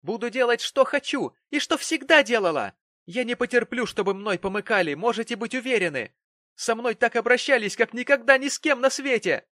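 A man's voice: animated, brisk, no room sound, clean studio sound, natural voice. A man reading the part of a spiteful young daughter who shrieks and scorns her father in a storybook reading. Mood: shrieking fury. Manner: shrill, shouting, scornful.

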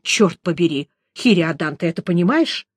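A woman voicing an excitable young male bard who exclaims in alarm. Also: moderate pace, slightly rough, no room sound, studio quality. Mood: distraught. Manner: high-strung, exclaiming.

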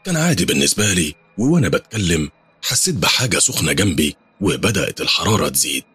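A male storyteller with an Egyptian accent narrates a first-person horror tale. His voice is low and husky, delivered fast with lively pitch, in dry, close sound. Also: no room sound, soft background music. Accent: Egyptian Arabic.

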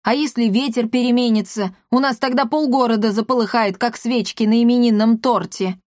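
Woman doing a stern male fire chief, level and reasoning, slightly high, dry read. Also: fairly even intonation, fairly quick, a little mellow, no room sound, natural voice.

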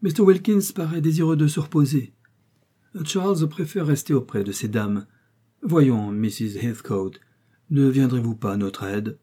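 Man reading as kindly old squire, mellow, slightly husky, audiobook. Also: mid-range voice, a little slow, pitched above the performer's own voice. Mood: doting. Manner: warm, doting. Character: fond old English country gentleman.

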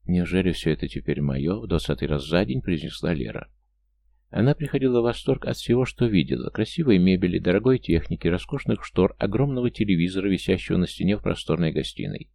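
A man narrating an audiobook in an even storytelling manner. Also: low voice, quick pace, vocal fry. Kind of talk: scripted narration.

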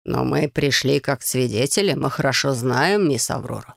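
A woman voicing a fatherly middle-aged husband who speaks slowly and reassuringly. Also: mid-range voice, animated, gravelly, no echo, studio quality, pitched below the performer's own voice.

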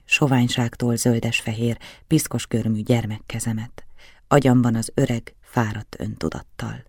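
A man narrating a novel in the first person, reading in a measured, deliberate way. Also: mid-range voice, gravelly, darkish tone, dry recording, studio quality. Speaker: audiobook narrator.

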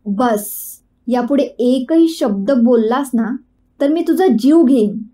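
A woman voicing a sharp-tongued, defiant young woman who argues fiercely in a storybook reading. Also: high-pitched, animated, takes it slowly. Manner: combative, sharp.

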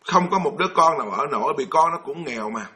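A man's voice: a little high, expressive, fast, sharp tone. A man with a Southern Vietnamese accent, a Buddhist monk telling a folksy story in a dharma talk and putting questions to his audience. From Mekong Delta, Vietnam.

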